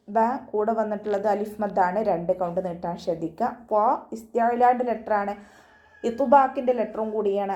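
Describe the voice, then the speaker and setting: A woman's voice: warm tone, muffled recording. A woman teaching Quran recitation rules in an online class, patiently correcting pronunciation step by step. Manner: chants verses slowly and higher between explanations. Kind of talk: tajweed lesson with slow recited verses.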